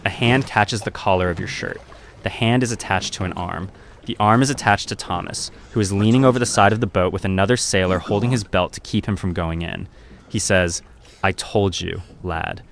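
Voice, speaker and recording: A man narrating a scripted story in second person, in a measured, grave and deliberate way. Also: deep voice, gravelly, a little hiss or hum.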